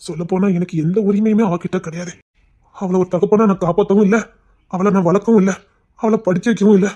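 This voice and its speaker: A man's voice: high voice, fairly even intonation, fast, dark tone, highs cut off. A man in a Tamil audio drama voicing a remorseful husband and worried family man who speaks earnestly and pleads. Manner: pleading, earnest, heavy with regret.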